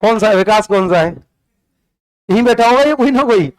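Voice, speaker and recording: A man with a high, clear voice teaching a class in a classroom. He talks in a chatty, teasing way with his pupils as he tells the history lesson. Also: animated, brisk, rough recording.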